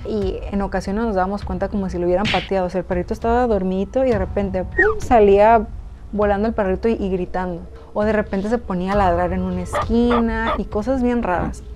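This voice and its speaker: A woman's voice: mid-range voice, a little fast, background noise. Chatty Mexican woman telling a story. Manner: chatty, addresses viewers directly, many fillers. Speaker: YouTuber telling a personal story. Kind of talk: casual storytime narration. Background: background music.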